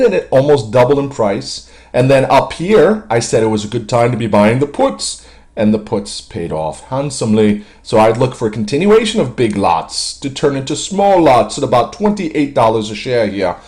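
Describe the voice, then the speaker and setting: Male market commentator walking through charts; confident, quick, chatty delivery. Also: medium pitch, very animated, darkish tone. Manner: confident, quick, with frequent uh fillers. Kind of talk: screen-share chart walkthrough.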